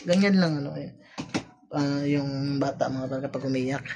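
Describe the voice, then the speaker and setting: A man's voice: mid-range voice, normal speed, gravelly, noisy background. A man with a Filipino accent vlogging casually at home into a phone, mixing Tagalog and English and calling his viewers "pare". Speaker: vlogger dad. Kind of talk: casual vlog chat.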